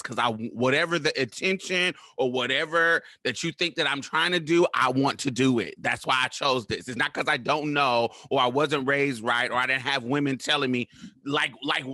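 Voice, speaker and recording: A man's voice: mid-range voice, sharp tone, no room sound. A man, co-hosting and telling stories casually in a sassy, emphatic, profanity-laced way. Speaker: podcast host. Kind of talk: animated casual storytelling.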